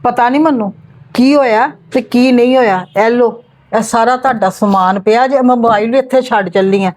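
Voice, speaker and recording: Acting in a family skit, a woman plays an overworked, fed-up young wife arguing with her in-laws, indignantly lecturing and complaining at her husband's sister. Her voice is a little high and darkish in tone, close to an everyday voice, at a moderate pace.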